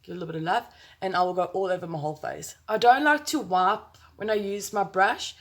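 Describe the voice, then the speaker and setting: A woman's voice: medium pitch, fairly quick. A woman with a South African accent giving a casual, chatty makeup tutorial to camera, rambling and playful, speaking close to her phone. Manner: chatty, rambling, playful with exclamations and sound words.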